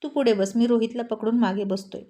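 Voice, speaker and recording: A woman voicing a calm older brother. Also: a little high, a little fast, lightly acted.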